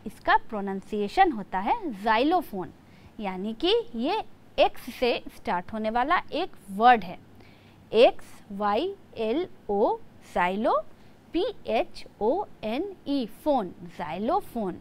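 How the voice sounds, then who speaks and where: A woman's voice: on the high side, sing-song, slow. A woman teacher giving a lesson to young children, spelling words out letter by letter.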